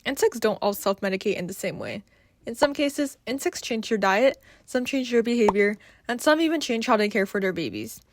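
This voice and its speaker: A woman's voice: a little high, expressive, brisk. A woman co-presenter giving scripted educational narration in plain, explanatory words.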